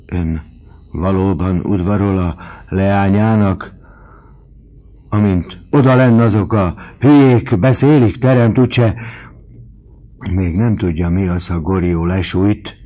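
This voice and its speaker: A man's voice: low-pitched, warm tone, highs cut off. A man voicing a doting, fiery old father in a story reading, talking with strong emotion. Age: older.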